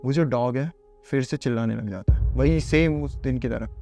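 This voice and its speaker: A man's voice: mid-range voice, moderate pace, gravelly, warm tone, soft background music. A man casually narrating a horror storytime, chatty and conversational, calling the listener bhai.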